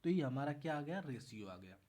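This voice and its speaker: A man's voice: medium pitch, sing-song, fairly quick, a little mellow. A man tutoring math in a casual exam-prep lesson, walking through each step and repeating himself as he explains.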